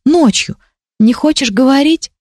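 A woman voicing a gentle, earnest young girl in an audiobook, speaking soft and high. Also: a little slow, no room sound, clean studio sound.

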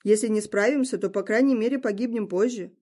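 A woman's voice: mid-range voice, a little fast, dark tone, natural voice. A woman reading the part of a determined young wife, speaking firmly and decisively. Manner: firm, decisive.

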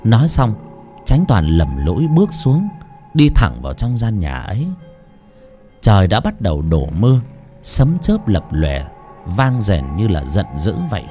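A man's voice: on the low side, very animated, a little slow, mellow, faint music behind. A man narrating a horror story audiobook in a dramatic, suspenseful manner.

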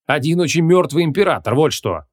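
Gruff ancient archmage, read by a man, imperious and quick-tempered, expressive, fantasy audiobook. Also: medium pitch, close to an everyday voice. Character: grumpy ancient male archmage, hot-tempered.

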